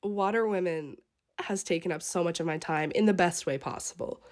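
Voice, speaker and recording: A woman's voice: lowish voice, moderate pace. A young woman from eastern Canada hosting a podcast, talking earnestly and at length, her voice sounding sick. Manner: earnest, gushing, rambling. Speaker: podcast host. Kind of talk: heartfelt solo podcast farewell.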